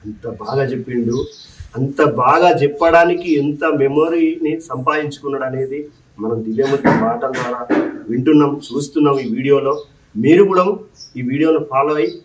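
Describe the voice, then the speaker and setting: A man's voice: mid-range voice, a little fast, roomy sound, distant mic, a little hiss or hum, low-quality recording. A man, interviewing in casual chat and speaking to the viewers. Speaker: interviewer and mimicry artist.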